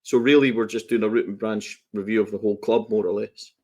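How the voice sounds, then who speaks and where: A man's voice: on the low side, steady tone, fast talker, darkish tone. A Scottish man co-hosting a football podcast, rambling and self-deprecating while coughing through a lingering cold. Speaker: podcast co-host. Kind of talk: casual football chat.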